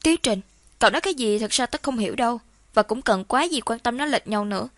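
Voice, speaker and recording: A woman voicing an anxious young friend in an audiobook, explaining things in a hurried, urgent way. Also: a little high, expressive, no echo, lightly acted. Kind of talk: audiobook character reading.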